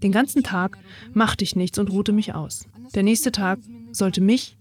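Woman in her twenties from ukraine reading her own story, calm and reflective, mid pitch. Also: a little slow, husky. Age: 20s. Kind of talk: read first-person testimony.

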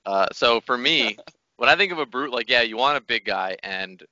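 Low-ish voiced podcast guy, really bright edgy tone, dry sound. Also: no echo. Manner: measured, makes his case calmly. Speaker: podcast co-host. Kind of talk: casual chat. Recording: slightly dull podcast audio.

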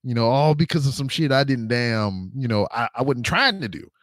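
A man's voice: mid-range voice, animated, normal speed, a bit bright, dry recording, clean studio sound. A man guesting on a podcast, telling a story in a casual, slangy, profane way into a desk microphone on camera.

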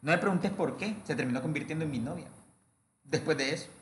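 A man's voice: a little high, fast talker, echoey room, a little hiss or hum. A young man, telling a crude, slang-filled story as podcast co-host. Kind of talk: casual storytelling chat.

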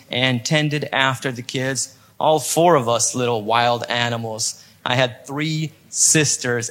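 A man's voice: medium pitch, a bit bright. A man in his thirties from Poland with an American accent, earnestly telling his personal testimony with dry asides. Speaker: podcast host giving testimony. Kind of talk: read-aloud personal testimony.

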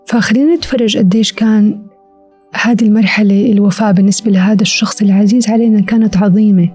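A woman's voice: mid-range voice, mellow. A woman with a Levantine Arabic accent hosting a reflective self-help podcast as a monologue, addressing the listener directly and instructively. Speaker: podcast host.

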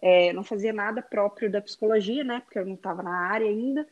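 A woman's voice: medium pitch, quick pace, dull audio. A woman in her thirties with a Minas Gerais Brazilian accent, a podcast guest chatting casually with many fillers and restarts. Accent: Brazilian Portuguese, Minas Gerais. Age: 30s. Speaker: guest, digital influencer. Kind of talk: casual interview chat.

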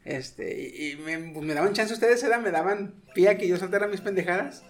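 A man's voice: sits high, fairly quick, faint music behind. A man with a Mexican Spanish accent, rambling and confessional while chatting as a podcast co-host. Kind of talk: casual chat among friends.

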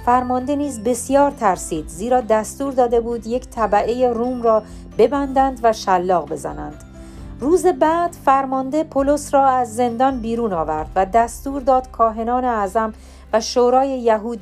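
Woman narrating scripture, calm and measured. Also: fairly high pitch, soft background music. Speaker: Bible reader.

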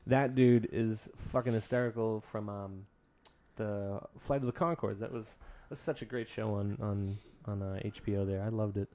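A man's voice: lowish voice, steady tone, normal speed, warm tone. A man in casual podcast chat, rambling and swearing, often laughing.

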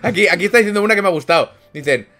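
A man's voice: high voice, animated, racing. A man co-hosting a podcast, delivering profane, joking mock rants in casual chat. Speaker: podcast co-host.

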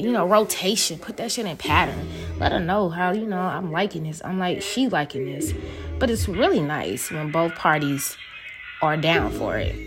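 A young woman hosts a podcast, chatting casually and frankly with plenty of laughs and cursing. Her voice sits a little low for a woman. Music plays clearly behind her. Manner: loose and laughing, swears freely. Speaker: podcast host. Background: background music.

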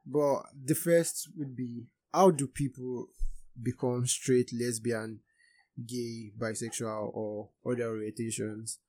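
A man's voice: medium pitch, steady tone, slow pace, darkish tone, no room sound. A young man with a Nigerian Yoruba accent hosting a casual podcast. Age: young adult. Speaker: podcast host.

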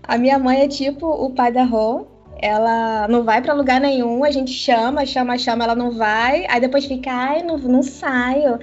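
A woman in casual chat, candid and animated, laughing often. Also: sits high, normal speed, hardly any pauses. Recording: dull lo-fi sound with faint music.

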